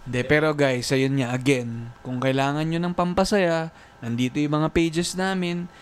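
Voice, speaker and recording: A man's voice: fairly high pitch, normal speed, slight background noise. A man hosting a casual podcast chat, upbeat and joking, laughing often, mixing Tagalog with English. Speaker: host.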